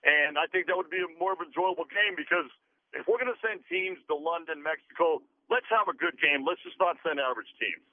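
A man's voice: on the high side, brisk, dry recording. A man calling in to a sports radio show over the phone, chatting casually and rambling a little with fillers. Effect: heard over a phone line. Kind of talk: casual call-in talk. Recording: tinny narrowband phone line.

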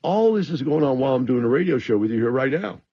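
A man's voice: mid-range voice, expressive, fast, warm tone, slightly rough, lo-fi sound. A man hosting a radio show, sounding a little groggy from antihistamines, explaining things directly to listeners in a rambling advice monologue.

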